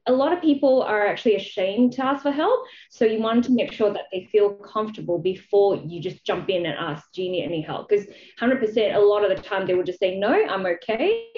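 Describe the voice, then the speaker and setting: Animated and a little fast, her mid-range voice barely pauses. As an interview guest, this charity founder from Malaysia talks casually about her experience, sprinkling in "you know," all in a dull, roomy, echoey recording.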